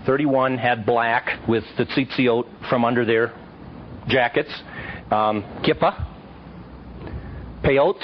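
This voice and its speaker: A man teaching a live audience, telling Bible stories in a lively way and quizzing his listeners. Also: mid-range voice, takes it slowly, long pauses, a little hiss or hum. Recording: dull lo-fi recording.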